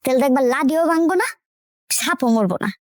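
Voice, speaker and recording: A chatty young village wife. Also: female voice, high-pitched, brisk, no echo, clean studio sound. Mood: coaxing. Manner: chatty, lively and scheming.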